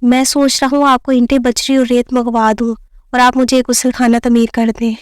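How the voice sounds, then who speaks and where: A woman's voice: a little high, little pitch movement, normal speed, no echo, studio quality, natural voice. A woman reading the lines of a kind, teasing young husband in a playful, mock-formal way.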